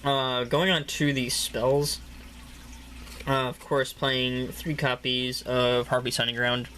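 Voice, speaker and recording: A man casually profiles a card game deck in a slow, level, mid-range voice that sounds pushed and bright, with a little hiss or hum in the background. He rambles, says "uh" a lot, repeats "really, really", and coughs now and then.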